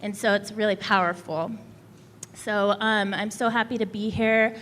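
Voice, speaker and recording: A salon owner speaking as a panel guest, effusive and grateful, a little emotional, on a handheld mic at a live event. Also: female voice, medium pitch, little pitch movement, unhurried, a bit bright. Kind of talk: panel introduction. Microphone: handheld microphone. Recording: reverberant hall with faint crowd noise.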